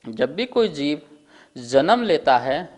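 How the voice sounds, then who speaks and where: A man teaching a scripture lesson at a board, slowly and deliberately drilling the pronunciation of each word. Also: a little high, big pitch swings. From India.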